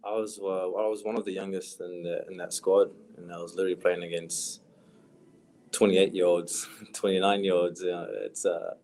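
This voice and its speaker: Deep-voiced young New Zealand man. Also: little pitch movement, moderate pace, darkish tone, a little hiss or hum. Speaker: professional footballer guest. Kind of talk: casual podcast interview.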